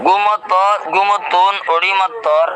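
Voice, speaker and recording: Casting: male Islamic teacher, Rohingya accent, slow monotone delivery, repeats phrases carefully, noisy ambient recording. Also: high-pitched. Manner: deliberate, repeats phrases for learners. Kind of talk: religious lesson with recited Arabic prayers.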